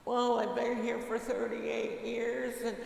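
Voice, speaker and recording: A priest doing a whiny, rambling sick man, pitched up high above his usual voice, who drags out his complaints slowly. The voice rings through a large church hall with long reverb. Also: monotone, creaky, full character voice. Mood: complaining. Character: whiny ailing man full of excuses. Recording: echoey church from a distance.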